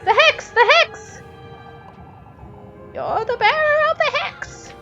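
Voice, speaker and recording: A woman voicing a sinister, greedy crow in a game, with a shrill, screeching, theatrical delivery that repeats its cries. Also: lively intonation, takes it slowly, sharp tone, highs cut off, soft background music, full character voice. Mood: frantic. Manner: repeats each cry twice. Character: shrieking sinister male crow, greedy and menacing. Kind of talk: game voice acting.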